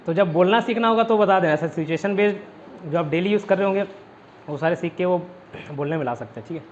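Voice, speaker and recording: Man, high voice, online lecture, checks in with students, dull lo-fi audio. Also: quick pace. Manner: chatty, keeps checking in with students. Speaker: teacher. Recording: dull lo-fi audio with faint noise.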